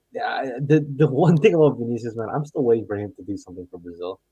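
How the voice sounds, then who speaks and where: A man in a casual football debate, blunt, slangy and halting, his microphone muffled as if inside a submarine, with the sound coming and going. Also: medium pitch, animated, warm tone, husky. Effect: muffled, underwater-sounding microphone cutting in and out. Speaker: football pundit guest. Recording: muffled faulty computer mic, fluctuating level.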